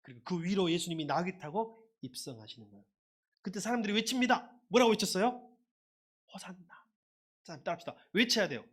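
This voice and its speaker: A man preaching a sermon as a pastor, lively and conversational, leading his congregation in call-and-response shouts. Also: sits high, fast talker, slightly rough.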